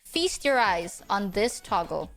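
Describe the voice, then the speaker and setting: Over soft background music, a streamer host with a medium-pitched voice and big pitch swings speaks at a slow pace. Her chat with viewers on a casual live stream is cute, playful and teasing in an anime-streamer way, full of giggles and exclamations.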